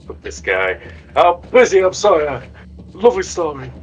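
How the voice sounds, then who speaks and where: A man's voice: a little high, very animated, normal speed, soft background music, pitched above the performer's own voice. Man putting on a blunt, matey barman. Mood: busy, dismissive. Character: gruff chatty male tavern barman. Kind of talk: tabletop game role-play.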